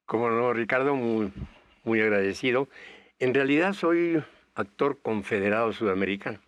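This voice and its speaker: A man's voice: mid-range voice, moderate pace, clear, resonant tone, dry recording. An older man from Bolivia, a guest actor, telling long anecdotes in a rambling way with many fillers. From Bolivia, raised touring South America. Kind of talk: storytelling interview answers.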